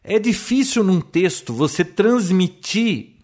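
A man's voice: high voice, animated, slow, darkish tone. A Brazilian man co-hosting a casual podcast chat, telling opinionated stories with many restarts. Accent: Brazilian Portuguese. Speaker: podcast co-host.

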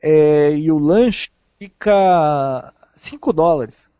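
A man with a Brazilian Portuguese accent chatting over a call, telling lively travel stories in an animated way. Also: fairly high pitch, extremely slow, no echo, lo-fi sound. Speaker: traveling podcast guest. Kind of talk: casual chat over a call.

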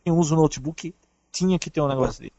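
A man's voice: a little high, racing, gravelly, dry recording, dull audio. Chatty Brazilian man telling travel stories. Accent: Brazilian Portuguese. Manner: chatty, animated storyteller. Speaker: traveling podcast guest. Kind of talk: casual chat over a call.

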